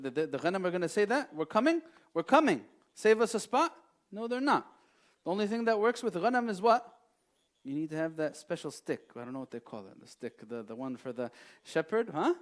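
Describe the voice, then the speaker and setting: A man giving a sermon as an imam, animated, swinging from quiet asides to loud emphatic lines and reciting verses quickly. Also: a little high. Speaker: imam giving a religious talk.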